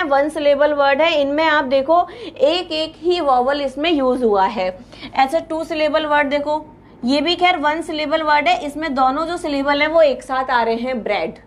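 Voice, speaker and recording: A woman's voice: high voice, a little hiss or hum. A woman with an Indian accent teaching an exam-prep English lesson, explaining step by step and checking in with her students.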